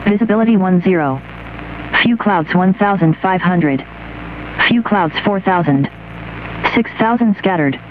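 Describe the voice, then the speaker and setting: Tinny airport weather broadcast over radio. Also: mid-range voice. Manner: slow, evenly paced reading of weather figures. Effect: heard over aircraft radio. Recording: tinny radio with faint hiss.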